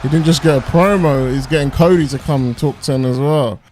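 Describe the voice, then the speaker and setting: A man's voice: on the high side, brisk, a little mellow, slight background noise. A man giving casual, off-the-cuff reaction commentary, slangy and musing aloud as he goes.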